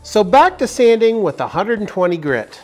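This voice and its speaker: In a spacious indoor wooden workshop, with gentle music barely audible behind him, a man in his forties narrates a woodworking tutorial for his channel. He speaks at normal speed, upbeat and clear, guiding viewers step by step while his pitch moves lively from one line to the next.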